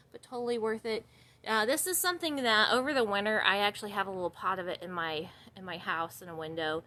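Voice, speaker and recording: A woman's voice: medium pitch, bright, forceful tone, slight background noise. Chatty woman showing plants around a shop. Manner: chatty and rambling, with many fillers. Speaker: florist shop employee. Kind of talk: casual walkthrough video. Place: flower shop and garage.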